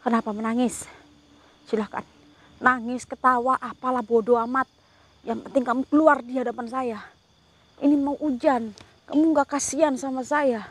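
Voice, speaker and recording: A woman's voice: high-pitched, steady tone, normal speed, long pauses, slightly rough. A woman ghost hunter outdoors, coaxing and pleading with a spirit and muttering prayers under her breath. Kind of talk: paranormal investigation commentary. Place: outdoors at night before rain.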